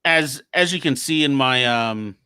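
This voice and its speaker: Bright-voiced young man, easygoing. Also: mid-range voice, measured pace, smooth, no echo, clean studio sound. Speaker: podcast co-host. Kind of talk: casual movie review chat.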